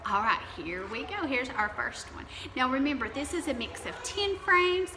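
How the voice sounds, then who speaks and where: With lively intonation and a high voice at normal speed, a kindergarten teacher guides young pupils through counting, speaking straight to them with encouragement. Noise fills the background, and the room sounds echoey.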